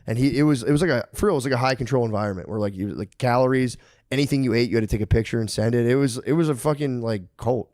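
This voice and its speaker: Fast-talking rambling podcast host, man. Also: mid-range voice, a little mellow, dry recording, studio quality. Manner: rambling storyteller, swears a lot, acts out quotes. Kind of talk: casual comedic chat.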